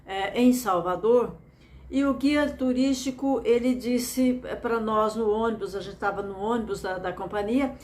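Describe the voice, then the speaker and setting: A woman's voice: fairly high pitch, measured pace, darkish tone, a little hiss or hum. A woman from Mato Grosso do Sul with a Brazilian accent, giving an earnest, encouraging motivational lecture and repeating phrases for emphasis. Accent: Brazilian Portuguese. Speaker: speaker presenting a method.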